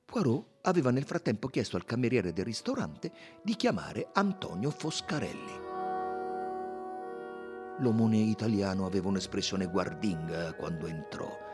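A man narrating a novel as an audiobook, measured and expressive. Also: lowish voice, over music. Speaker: audiobook reader.

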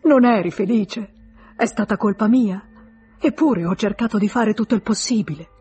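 A woman reader voicing a grieving husband, a country doctor, pleading and tearful in drawn-out lines. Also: mid-range voice, dark tone, breathy edge, soft background music. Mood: anguished.

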